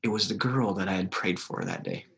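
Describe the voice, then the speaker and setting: A man, a pastor, telling a personal story in an interview, animated and acting out quoted voices. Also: sits low, fairly quick, creaky, slight background noise. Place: lives in South Dakota.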